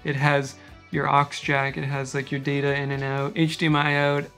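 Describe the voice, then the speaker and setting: A young man filming a casual vlog at home, walking through his camera setup in a relaxed, chatty way. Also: mid-range voice, moderate pace, soft background music. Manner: relaxed, chatty, explains gear step by step. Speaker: YouTuber. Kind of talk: casual gear walkthrough vlog. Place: home room by a noisy computer. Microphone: studio microphone into computer.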